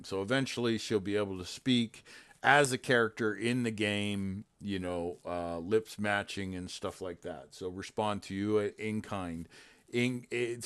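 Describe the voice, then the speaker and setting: A man hosting a casual livestream, explaining his software in a rambling way with many fillers and restarts. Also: on the low side, smooth. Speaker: host and game developer. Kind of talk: casual livestream tech chat.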